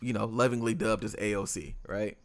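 A man's voice: lowish voice, a little fast. A man co-hosting a podcast in casual conversation, rambling with lots of fillers and restarts. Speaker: podcast co-host.

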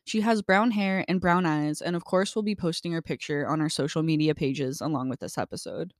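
A woman's voice: deep voice, fairly quick, no echo, studio quality. A young adult woman co-hosting a true crime podcast, reading case details and venting bluntly with swearing. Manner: reads case facts then vents bluntly with swearing. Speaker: podcast co-host.

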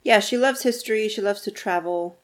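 A woman's voice: mid-range voice, fairly quick. A woman co-hosting a book podcast, chatting casually, laughing often, and reading a blurb aloud.

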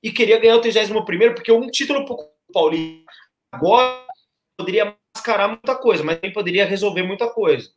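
On a football podcast panel, a high-voiced man talks fast, arguing his point emphatically and repeating phrases for stress in a casual debate. The sound is reverberant, with music in the background.

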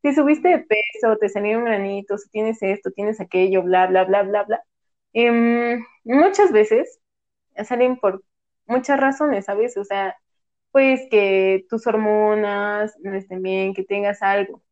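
A woman with a mid-range, slow, darkish voice chats casually, peppering her talk with "¿sabes?". The audio is slightly dull and lo-fi.

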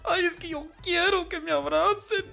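A man voicing a complaining wife who wants hugs and mocks her husband with a high, drawn-out whine. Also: creaky, sharp tone, faint music behind, full character voice. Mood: whiny.

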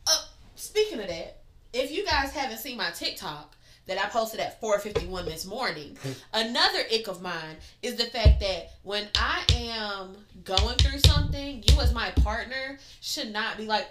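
A woman co-hosts a casual podcast chat and speaks bluntly and emphatically, swearing freely. Her voice is bright and forceful. The room around her sounds echoey. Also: medium pitch. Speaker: podcast co-host.

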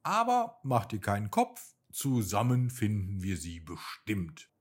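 Storybook owl: wise, helpful female bird, calm and reassuring, voiced by a man, husky tone. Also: on the low side, measured pace, full character voice.

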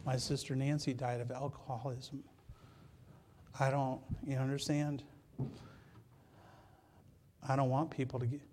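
A man's voice: mid-range voice, a little mellow. A man from Michigan preaching a sermon as pastor, talking casually with the congregation, joking with listeners and often repeating words as he starts a phrase. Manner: conversational, joking asides to congregation.

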